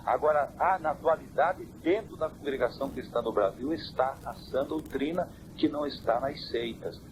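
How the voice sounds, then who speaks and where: A mid-pitched man, a church elder, gives interview answers in a measured, preaching style. The audio comes from an old, worn cassette with heavy hiss.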